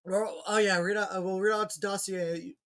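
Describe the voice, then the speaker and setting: A man with a high voice talks casually with friends. He rambles, jokes and interrupts himself mid-sentence. He is a junior paleontologist on a relaxed group show. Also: normal speed. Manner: rambling, self-interrupting, jokey.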